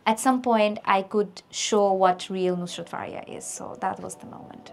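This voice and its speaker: Slow-talking earnest woman in a test interview. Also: medium pitch, fairly even intonation, gravelly, darkish tone, faint music behind. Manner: earnest, rambling, heartfelt. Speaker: actress taking a mock speaking test. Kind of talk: speaking test answers.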